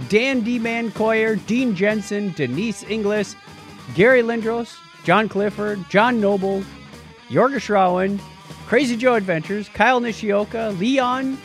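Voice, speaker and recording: With music in the background, a studio podcast co-host takes his time, speaking slowly in a high voice. He keeps things relaxed and playful, moving from announcements to banter.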